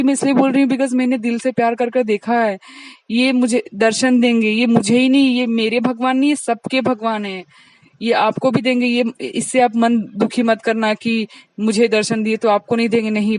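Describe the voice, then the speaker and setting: Sangat se seedhe baat karti aurat, jaldi jaldi bolti hai, dry sound, awaaz ek si. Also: female voice, a little high, steady tone, a little mellow, dry recording, distant mic, rough recording. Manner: speaks quickly, admits it herself; earnest, addresses the congregation directly. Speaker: devotee sharing a satsang. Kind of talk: devotional testimony.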